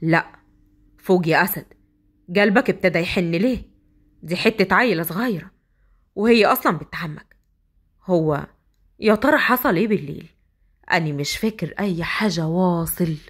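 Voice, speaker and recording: Woman doing a drunk, brooding husband, low. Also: slightly rough. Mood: self-scolding. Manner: low, slow, leering murmur. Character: drunk, domineering young husband, rough.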